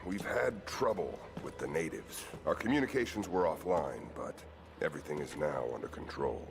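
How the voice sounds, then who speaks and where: A stern, zealous commander in a video game cutscene, with a very deep, gravelly voice. He talks in a cold, assured way. Music plays faintly behind him. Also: expressive, normal speed, exaggerated voice. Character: stern, zealous male commander sure he is chosen.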